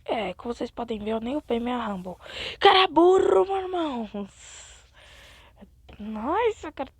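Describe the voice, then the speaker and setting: Excitable woman narrating her gameplay. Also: sits high, moderate pace, slightly rough, dry recording. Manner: chatty and excitable, addresses viewers, drops into whispers. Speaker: gaming channel host. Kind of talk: casual gameplay commentary.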